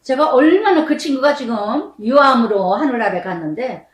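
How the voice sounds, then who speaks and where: A woman's voice: fairly high pitch, animated, normal speed. An older woman pastor giving a sermon, telling a personal testimony and acting out remembered quarrels with strong emotion. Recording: echoey church hall, mic at a distance.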